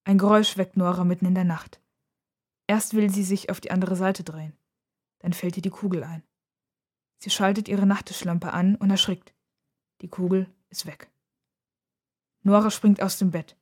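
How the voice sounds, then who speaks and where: A woman reading a children's story aloud as narrator, in a calm, measured telling. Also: mid-range voice, slightly rough.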